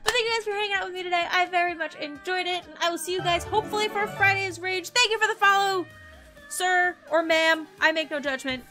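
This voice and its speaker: A young adult woman streamer with a very high-pitched voice talks quickly over music, wearing a headset in a small indoor room. Chatty and playful, she signs off her stream while addressing her chat as "guys."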